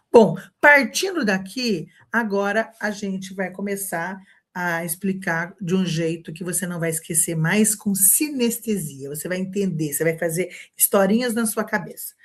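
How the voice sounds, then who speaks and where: A Brazilian woman teaching an online English lesson, chatty and encouraging, checking in with her students again and again. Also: lowish voice. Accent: Brazilian Portuguese.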